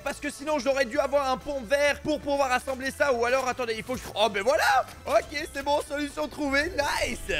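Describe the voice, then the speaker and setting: A young man with a strikingly high voice narrates his Fortnite match as he plays it. His talk is animated and slangy, full of buddy-words. Faint game music sits beneath him. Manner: animated, slangy, keeps saying "gros" and "mec". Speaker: gaming YouTuber. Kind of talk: excited Fortnite gameplay commentary.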